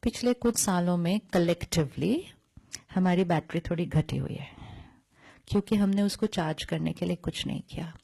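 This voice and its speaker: A woman's voice: on the low side, moderate pace, creaky, dark tone, husky. A woman giving a spiritual discourse, mixing Hindi and English, explaining with step-by-step analogies and rhetorical questions. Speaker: spiritual speaker.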